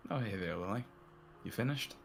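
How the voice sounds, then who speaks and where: A man's voice: on the low side, lively intonation, a little fast, creaky, soft background music. A man reading a visual novel aloud as its narrator and lead, using a put-on cowboy drawl.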